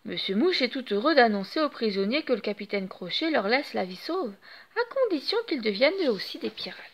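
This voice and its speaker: A woman reading a children's audiobook aloud in an expressive, animated storytelling manner. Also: on the high side, fairly quick. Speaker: storybook reader.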